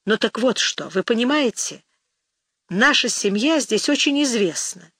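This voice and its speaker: A man's voice: very high-pitched, lively intonation, a little slow, bright, forceful tone, no room sound, full character voice. A woman reading the lines of an eager, earnest young man courting a girl in an audiobook.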